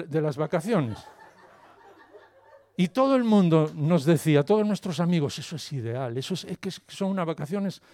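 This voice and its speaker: A man from Galicia in Spain, telling a humorous holiday story in a comic monologue and acting out the other people in it. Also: on the high side. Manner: animated, storytelling, acts out dialogue.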